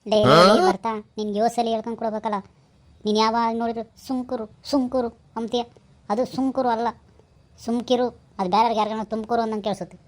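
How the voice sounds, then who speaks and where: A woman's voice: on the high side, steady tone, rapid-fire, lightly acted. Woman doing a fussy talkative village man. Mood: correcting. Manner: fussy, correcting, pleading. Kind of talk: village comedy skit.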